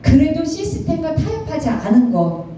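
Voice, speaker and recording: A high, lively female voice of a woman around fifty tells her personal story to a room, emotional and laughing as she goes, with a dark, mellow tone. She is caught from a distance in a very echoey hall. Faint noise sits under the sound. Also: moderate pace. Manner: animated, emotional, often laughing while talking. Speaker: speaker giving a personal testimony. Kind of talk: storytelling talk to an audience with slides.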